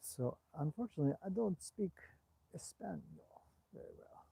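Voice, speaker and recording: A man with a high-pitched, gravelly, mellow, husky voice and lively intonation hosts a casual outdoor livestream at a moderate pace. Recorded dry on a cell phone beside a horse paddock on a bright day, he chats loosely about his horses and answers viewer comments.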